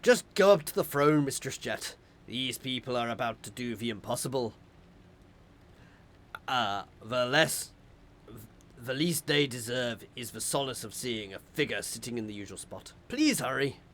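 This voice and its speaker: A man voicing a gruff, loyal old male ship seneschal with an old-fashioned, blustery delivery. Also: mid-range voice, lively intonation, moderate pace, fairly bright tone, a little hiss or hum, natural voice. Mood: urgent.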